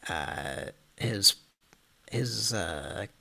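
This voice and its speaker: A man's voice: lowish voice, lively intonation, vocal fry, sharp tone. A man co-hosting a comedic prank-call show, stammering and restarting his sentences as he works up to a joke. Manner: halting, stammering, restarts a lot, laughs easily. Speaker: co-host. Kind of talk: casual comedic banter.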